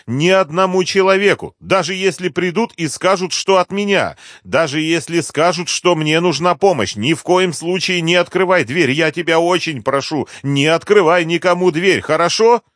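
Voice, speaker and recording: A man's voice: on the high side, fairly bright tone, dry recording, clean studio sound, pitched above the performer's own voice, natural voice. A man reading an audiobook, voicing a frantic young woman who urgently pleads with her grandmother. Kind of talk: audiobook character voice.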